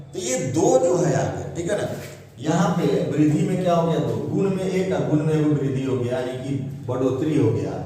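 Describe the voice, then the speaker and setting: A man teaching a grammar lesson, explaining slowly and repeating points with frequent "right?" checks. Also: fairly high pitch, mellow. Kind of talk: classroom lesson. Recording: echoey hall from far off.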